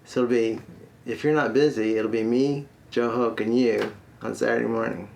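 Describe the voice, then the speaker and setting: A man hosting a comedy show, telling a joke story in a folksy, drawn-out manner. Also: mid-range voice, steady tone, vocal fry, a little mellow, a little hiss or hum.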